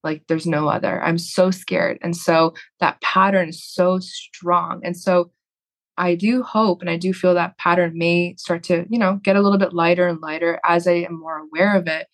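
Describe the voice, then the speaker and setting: A woman's voice: fairly low pitch, little pitch movement, normal speed. A woman in her thirties from Canada, a podcast guest talking candidly and reflectively in a casual interview, often restarting her sentences. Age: 30s.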